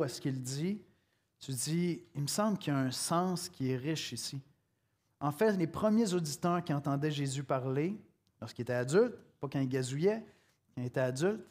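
A man's voice: on the high side, darkish tone. A middle-aged man with a Québécois accent preaching a sermon in a conversational, storytelling way, speaking straight to the listener. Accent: Québécois French. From Quebec. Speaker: pastor.

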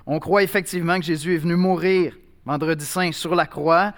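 Pastor, higher-pitched man, talky sermon style. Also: steady tone, a little fast, a bit bright. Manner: conversational preaching with fillers and restarts.

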